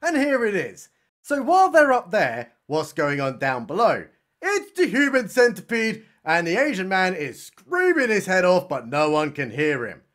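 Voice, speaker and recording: A man's voice: sits high, wildly swooping pitch, moderate pace, fairly bright tone. A young man narrating a crude, sarcastic comedic film recap. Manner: irreverent, sarcastic, crude jokes. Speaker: film reviewer.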